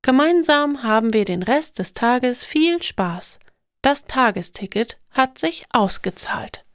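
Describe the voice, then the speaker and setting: A woman narrating stories for language learners in a slow, clear, deliberate scripted reading. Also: a little high, lively intonation, dry recording, studio quality.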